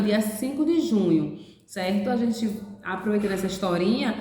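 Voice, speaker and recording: A woman's voice: a little high, a little mellow. A woman teaching a class of young children, explaining each step patiently and checking often that they follow. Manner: patient, explains step by step, ends phrases with "certo?". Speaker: preschool teacher. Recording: echoey room.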